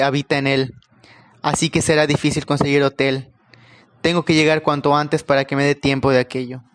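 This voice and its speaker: A man telling a first-person horror story, in a calm, unhurried manner with occasional pauses. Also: fairly high pitch, clear, resonant tone.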